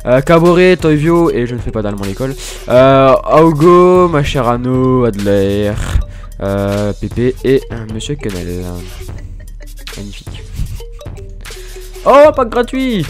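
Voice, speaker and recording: A man's voice: medium pitch, sing-song, unhurried, soft background music. A man doing casual, self-mocking commentary while opening game packs, stammering and laughing often. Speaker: gaming YouTuber.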